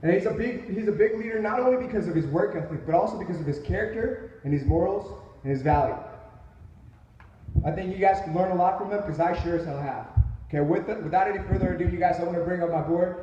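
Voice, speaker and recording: A man hosting an event, introducing the next speaker in a fast, hyped, casual way. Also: high-pitched, dark tone, highs cut off, a little hiss or hum. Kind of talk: stage introduction. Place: large indoor event hall. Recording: echoey hall, voice far from mic.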